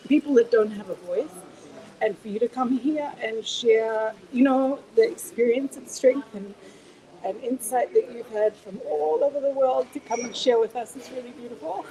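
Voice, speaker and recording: A woman with a slightly high voice speaks warmly to a small group. She is emotional and gushing and sounds close to tears. Her talk is casual and heartfelt. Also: rough recording. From New Zealand. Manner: tearful, gushing, laughing. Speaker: workshop participant. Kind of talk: emotional introduction.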